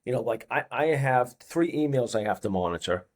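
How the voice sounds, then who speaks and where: A fitness coach in his fifties, speaking with a Boston accent, guests on a laid-back podcast and repeats phrases to stress what he means. His mid-range voice is expressive and moves at a fairly quick clip.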